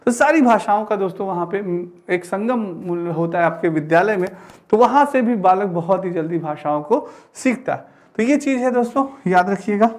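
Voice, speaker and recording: Speaking at normal speed with a high pitch and lively intonation, this teacher in his thirties leads an explanatory exam-prep lecture. He repeats phrases and asks rhetorical questions in an indoor studio with a digital teaching board.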